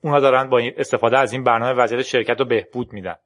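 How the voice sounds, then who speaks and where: A man reading a storybook's lines for a tense young woman programmer who urges a friend to flee, in an urgent, hurried manner. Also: mid-range voice, fairly even intonation, fairly bright tone, lightly acted.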